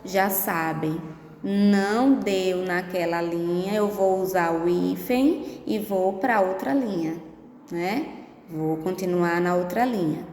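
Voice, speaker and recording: A woman's voice: fairly low pitch, a little mellow, slight background noise. Patient woman teacher in an echoey room. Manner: slow, patient, with frequent tag questions. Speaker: primary school teacher. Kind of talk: remote lesson to young pupils. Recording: echoey room with long reverb.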